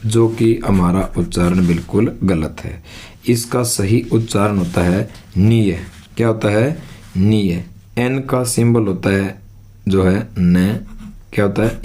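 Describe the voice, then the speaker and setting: Man, teacher, lowish voice, repeats words, quizzes himself. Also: measured pace, warm tone. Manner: repeats words, asks and answers own questions. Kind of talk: classroom lesson with board.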